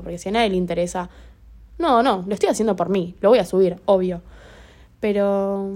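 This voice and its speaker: A woman's voice: mid-range voice, mellow. A young woman with a Rioplatense Spanish accent, hosting an improvised solo podcast in a rambling, chatty way full of fillers. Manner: rambling, chatty, many fillers like "tipo" and "o sea". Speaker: podcast host.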